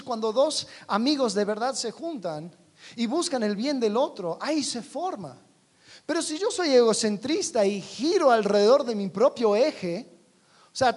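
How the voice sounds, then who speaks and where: A man preaching a sermon in a conversational way, asking his listeners many rhetorical questions and dropping to a quiet voice on key points. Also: very high voice.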